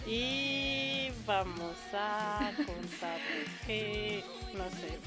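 A woman's voice: mid-range voice, very slow, over loud music. A young woman, chatting casually as a podcast co-host in a playful, giggly manner. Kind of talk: casual chat about anime.

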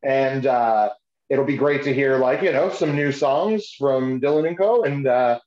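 A man co-hosts a podcast in a loose, informal chat about music, talking as if to a pal. His voice sits at a middling pitch. The sound is echoey and slightly dull. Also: a little slow, a little mellow. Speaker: podcast co-host.

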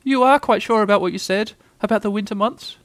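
A man's voice: high voice, brisk, no room sound, voice pushed up, natural voice. A man voicing a small, timid, anxious piglet who frets nervously, as in a children's storybook. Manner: nervous, fretful.

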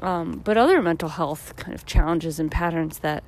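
At a moderate pace, a weary thirty-something woman muses aloud for her casual solo podcast while strolling outdoors. Her speech rambles and is thick with fillers, and her voice comes out slightly deep and husky.

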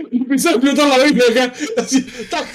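A man's voice: extremely high pitch, normal speed, slight background noise. A man co-hosting a casual podcast, teasing his friend and laughing along. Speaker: podcast co-host.

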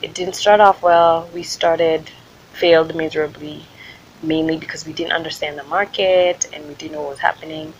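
Low-pitched woman with an American accent. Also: fairly even intonation, normal speed, lo-fi sound, a little hiss or hum. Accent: American, picked up in Ohio. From Kenya. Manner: informal, conversational, loosely structured. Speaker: podcast host and small business owner. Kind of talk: casual solo podcast talk.

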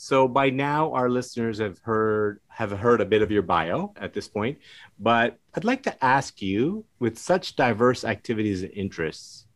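A man hosting a podcast interview, who asks questions in a warm, enthusiastic way and often repeats himself. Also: mid-range voice, animated, a little slow. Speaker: podcast host. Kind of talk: interview conversation.

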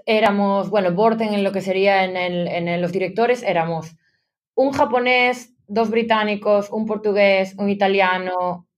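A woman's voice: mid-range voice, fairly even intonation, moderate pace. A woman in her thirties from Spain speaks as an interview guest in a mid-range voice. She chats freely and slips English business terms into her sentences. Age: 30s. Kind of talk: conversational interview. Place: London.

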